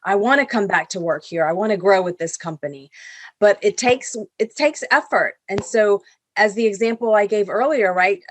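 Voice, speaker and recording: A woman's voice: medium pitch, expressive, moderate pace, slight background noise. A woman from Venezuela, a corporate executive, explaining her points earnestly on a video call panel discussion. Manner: earnest and explanatory, with small restarts.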